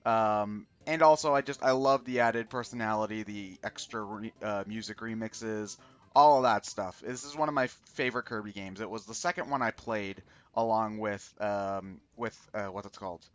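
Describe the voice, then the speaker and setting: A man hosting a gaming stream with casual commentary, talking in a rambling, halting way and often correcting himself. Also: lowish voice, smooth, highs cut off. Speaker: host of a charity gaming stream. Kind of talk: casual video game commentary. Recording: game music behind the voice. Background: video game music.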